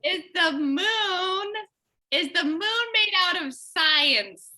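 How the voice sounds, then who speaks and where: A woman's voice: extremely high pitch, slow, sharp tone, exaggerated voice. A woman playing a curious little daughter. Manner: polite, insistent questions. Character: curious young daughter asking about the moon. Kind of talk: improv comedy scene.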